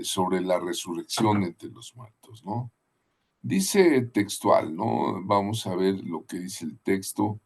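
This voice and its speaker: A man giving a Bible class, unhurried and often adding tag questions. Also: mid-range voice, darkish tone. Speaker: Bible teacher.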